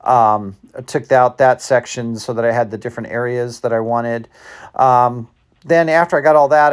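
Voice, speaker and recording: A man's voice: mid-range voice, clean tone. A man giving a casual, rambling voice-over commentary as he explains his hobby model-making step by step. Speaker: hobby model-maker narrating tutorial.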